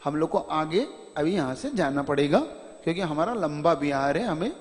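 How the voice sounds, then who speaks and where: A man voicing an elderly revered monk who speaks gently and patiently, soft and lowered. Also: normal speed, natural voice. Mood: gentle. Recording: long hall reverb.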